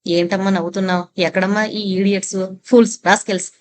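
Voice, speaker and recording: A woman voicing a stern, gruff older army major who barks and scolds in a booming way. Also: steady tone, a little fast, a little mellow, lightly acted. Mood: gruff scolding.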